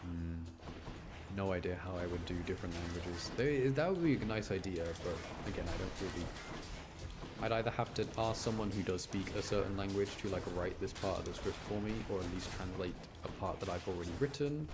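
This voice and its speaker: This British-accented streamer talks a little fast in a low voice against a noisy background and music. His live commentary is casual and chatty, a running stream of thoughts as he plays.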